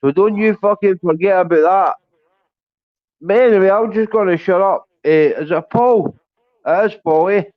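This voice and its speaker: A high-voiced man with a rough-and-ready Glasgow street accent argues on a livestream panel. He is confrontational and swears constantly. The sound is a dull, lo-fi voice call. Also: moderate pace, no room sound. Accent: Glasgow Scottish. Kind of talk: heated livestream argument. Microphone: online panel call.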